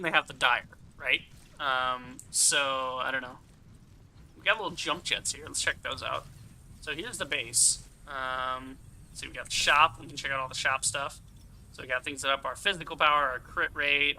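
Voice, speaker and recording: Bright, forceful male game streamer. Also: fairly high pitch, low-quality recording. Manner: rambling, thinking aloud; casually profane. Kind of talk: casual first-impressions game commentary.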